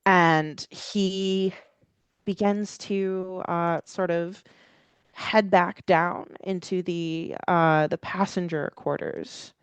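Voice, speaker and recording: Smooth low-voiced woman game master. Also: steady tone, very slow, dry recording. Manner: hesitant, piecing descriptions together as she goes. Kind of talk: improvised tabletop game narration.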